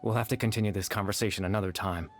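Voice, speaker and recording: An actor playing a calm, gentle, melancholy young nobleman who speaks softly and in a measured, kind way. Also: fairly low pitch, soft background music, lightly acted. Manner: soft-spoken, measured, kind.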